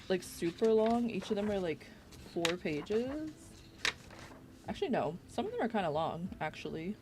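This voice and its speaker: A young woman chatting casually on a livestream while she works, rambling with lots of fillers. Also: lowish voice. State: out of breath. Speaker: streamer. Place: home workspace.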